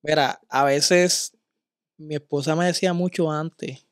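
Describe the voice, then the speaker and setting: A man's voice: on the high side, fairly even intonation, dry recording, clean studio sound. Agreeable man on a faith podcast. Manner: affirming, answers with amen and quick agreement.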